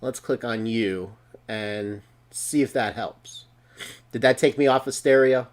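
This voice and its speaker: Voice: mid-range voice, measured pace. A podcast host chatting casually and wryly, sounding echoey as if inside a box because their voice is picked up twice. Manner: wry, self-mocking grumbling. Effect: echoey, boxy sound, as if inside a box. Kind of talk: casual chat. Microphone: desk mic on a streaming setup. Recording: echoey doubled stream audio.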